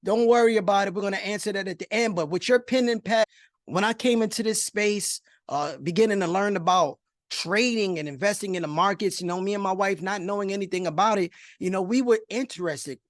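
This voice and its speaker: A middle-aged man from New York, United States, with a New York accent hosts an online investing masterclass over a video call. His high voice moves briskly as he delivers a motivational webinar emphatically, repeating phrases and checking in with listeners. The studio-quality recording has no room sound.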